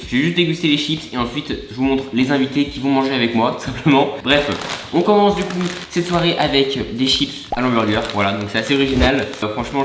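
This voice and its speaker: A young man with a French accent chatting casually to camera in a vlog, full of fillers and quick laughs. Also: mid-range voice, echoey room, noisy background. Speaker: youtuber.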